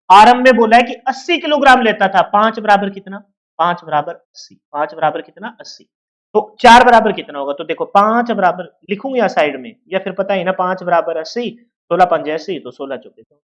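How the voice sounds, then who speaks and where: Haryanvi-tinged man teaching exam maths. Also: sits high. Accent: Haryanvi-tinged Hindi. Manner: explains with everyday shop scenarios, asks students questions. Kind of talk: exam-prep maths lesson.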